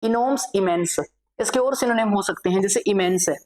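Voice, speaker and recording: Woman teacher dictating vocabulary slowly. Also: medium pitch, a little mellow, rough recording. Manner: repeats each word and checks in with "okay"; explains English words in Hindi, slowly dictating lists. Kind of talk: vocabulary class for exam students.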